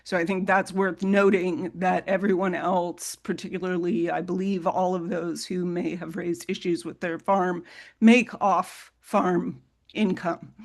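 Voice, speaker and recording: A woman's voice: lowish voice, level tone, unhurried. A woman giving testimony as a resident at a public hearing, her voice shaky and wobbly from a vocal tremor.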